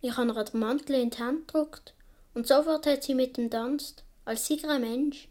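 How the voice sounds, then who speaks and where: Voicing a young Swiss boy in a first-person radio play, a woman vividly relates his childhood adventures in a Swiss German accent, caught up in the tale. Her voice sits high and is a little mellow, close to an everyday voice, at normal speed.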